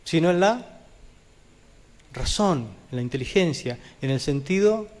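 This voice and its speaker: A man preaching a sermon as pastor, talking vehemently and putting questions to the congregation, with sudden swings from loud high peaks to quiet low drops. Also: animated, a little slow. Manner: addresses the congregation directly with questions. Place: church.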